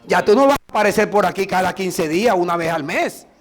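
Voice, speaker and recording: A middle-aged man from Colombia, a pastor preaching a sermon with emphatic, drawn-out phrases and prayers. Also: sits high, animated.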